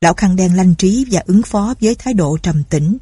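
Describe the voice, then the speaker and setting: A woman narrating a story aloud in a steady, measured reading voice. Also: on the low side, slightly rough, no room sound, studio quality.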